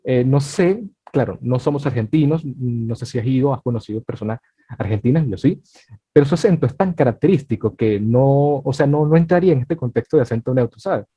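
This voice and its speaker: A man hosting a casual podcast interview who talks in a loose, conversational way, full of fillers and lively asides. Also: medium pitch, a little fast, slightly rough, no room sound. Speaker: podcast host. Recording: dull, dry, slightly lo-fi.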